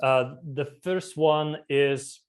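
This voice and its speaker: A man from Lithuania gives a conference presentation over a video call. His delivery is halting, padded with fillers and restarts. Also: a little high. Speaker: startup community co-founder presenting. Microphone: remote video call.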